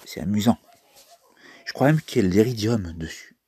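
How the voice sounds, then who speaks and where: Husky man chatting through a mobile game. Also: fairly low pitch, animated, normal speed, mellow. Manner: chatty, thinks aloud while playing. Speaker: mobile game video maker. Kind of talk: casual gameplay commentary.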